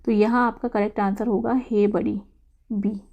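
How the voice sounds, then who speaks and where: A woman, an English teacher going through exam quiz answers, who reads each English question slowly and then explains it in Hindi. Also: medium pitch, level tone, a little mellow.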